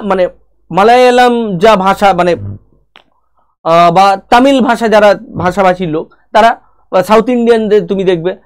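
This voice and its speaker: A woman with a Bengali accent giving a spoken English lesson, speaking straight to the viewer and going through learners' problems one by one. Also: on the high side. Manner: direct, talks to the viewer as "you", lists problems one by one.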